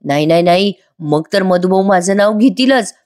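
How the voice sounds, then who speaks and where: A woman's voice: medium pitch, lively intonation, moderate pace, darkish tone, close to an everyday voice. Lady reading a guilty husband, panicky and snappy, scheming. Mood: irritable. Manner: panicky, irritable.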